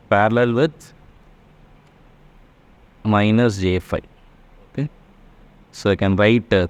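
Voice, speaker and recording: A man lecturing on engineering gives a tutorial in stages, hesitating over calculations and checking that his audience understands. His voice is lowish, with a darkish tone.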